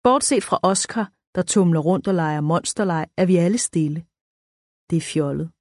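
A woman reading a first-person children's story aloud, in a clear, even storytelling way. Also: lowish voice, no room sound, studio quality. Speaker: audiobook narrator.

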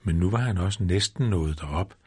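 Guy reading a kids' storybook, low husky voice, steady storytelling rhythm. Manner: measured, repetitive storytelling rhythm. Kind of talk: scripted narration of a children's storybook.

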